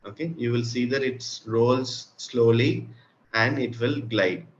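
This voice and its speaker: A man with an Indian accent speaks at a slow pace in a medium pitch, teaching a craft one step at a time. He explains things simply and patiently to children and checks that they're keeping up. The recording is muffled, with room noise clearly audible.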